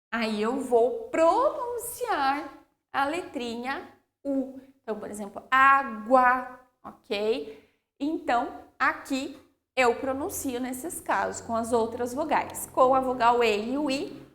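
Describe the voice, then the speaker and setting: A woman teaching young children spelling, drawing out each example word slowly and checking in with "ok?". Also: fairly high pitch. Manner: slow, drawn-out word-by-word dictation with frequent "ok?" checks. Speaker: primary school teacher.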